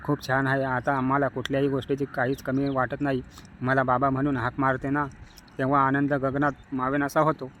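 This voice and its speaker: A man's voice: mid-range voice, monotone, fairly quick, fairly bright tone, slight background noise, natural voice. A man voicing an earnest, encouraging male childhood friend.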